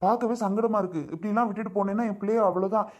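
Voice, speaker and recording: A man's voice: high-pitched, fairly even intonation, very fast, natural voice. A man playing a stubborn young father who insists on taking his children with him in a family skit. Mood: aggrieved. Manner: firm and determined, polite but unyielding.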